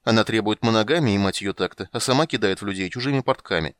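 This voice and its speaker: A man voicing a flustered but charming male bard, talking loudly and breezily. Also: lowish voice, fast talker, no echo, close to an everyday voice. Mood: breezy.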